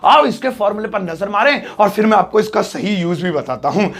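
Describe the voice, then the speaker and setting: Man, english teacher, high voice, gravelly edge, joking and lively classroom lesson. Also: a little fast. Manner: joking, lively teacher explaining grammar with acted examples.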